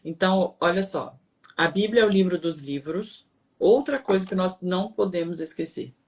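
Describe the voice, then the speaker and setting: A woman's voice: fairly low pitch, moderate pace, darkish tone. Emphatic preachy Brazilian woman. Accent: Brazilian Portuguese. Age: adult, married. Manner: preachy, emphatic, fires rhetorical questions. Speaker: co-host.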